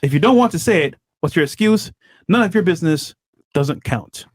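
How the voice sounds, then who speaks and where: A man's voice: on the high side, expressive, fairly quick, husky. A man hosting a podcast panel, reading chat messages aloud and teasing the guests. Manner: loud, teasing, laughs often. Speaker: podcast host.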